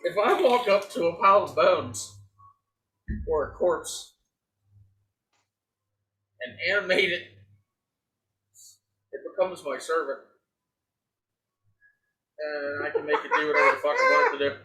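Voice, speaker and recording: A man playing in a tabletop game in casual chat, excitable, laughing often and swearing freely. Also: fairly high pitch, measured pace, pauses often, echoey room, rough recording. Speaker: player.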